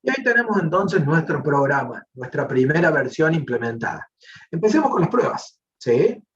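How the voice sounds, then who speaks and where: A man's voice: on the high side, sing-song, moderate pace. Rioplatense man teaching a coding class. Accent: Rioplatense Spanish. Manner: explanatory, checks in with frequent "¿sí?". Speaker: programming teacher. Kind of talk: online class, live coding. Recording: distant, muffled online class audio.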